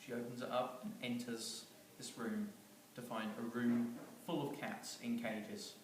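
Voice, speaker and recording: A man rambles through a comic story, chuckling at his own jokes. His voice is set well back from the mic in a very echoey room, with noise clearly audible behind him. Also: mid-range voice, little pitch movement, a little slow, recorded from a distance. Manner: rambling, chuckling, with many fillers and restarts.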